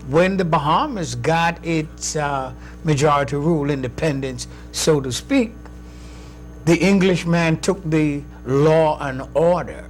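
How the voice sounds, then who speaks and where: A man hosting a talk show speaks with a somewhat raised pitch. He poses questions and shares his views in a measured way, pausing on fillers as he thinks. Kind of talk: conversational interview.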